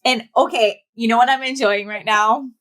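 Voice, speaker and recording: A woman's voice: a little high, fairly even intonation, normal speed, fairly bright tone. Chatty, playful woman podcast co-host. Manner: chatty, playful, lots of fillers. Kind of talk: casual chat.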